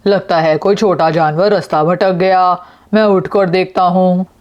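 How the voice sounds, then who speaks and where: Woman voicing a calm, brave young father. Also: on the low side, a little slow, muffled recording, natural voice. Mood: steady. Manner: steady, commanding, reassuring.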